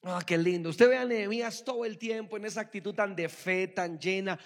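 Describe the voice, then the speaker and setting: A man preaching a sermon to a congregation, animated, calling out to the listeners and swinging between soft talk and loud exclamations. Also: high voice, a little fast. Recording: long hall reverb.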